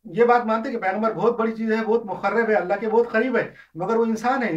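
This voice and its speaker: A man gives an informal religious lesson, explaining with examples and often hesitating or restarting. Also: sits high. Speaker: religious lecturer. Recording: distant, dull lo-fi.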